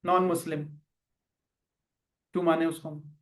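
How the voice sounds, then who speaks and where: A man lecturing students in a classroom, animated and full of rhetorical questions. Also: fairly high pitch, unhurried, echoey room. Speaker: finance lecturer.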